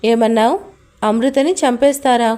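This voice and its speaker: A woman's voice: fairly high pitch, moderate pace, dark tone, natural voice. A woman reading the lines of a protective young man in a love story, talking in a demanding, confrontational way.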